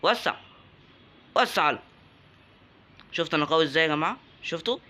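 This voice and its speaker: A little high and brisk, the voice belongs to a young man with an Egyptian Arabic accent doing casual let's-play commentary as a gaming YouTuber. He cracks jokes and lets out excited yelps at enemies, over slight background noise.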